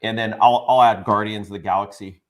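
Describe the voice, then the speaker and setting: A man speaking as a guest on a live stream, hesitant with many "uh" pauses. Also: lowish voice, fairly even intonation. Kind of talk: casual chat on a live stream.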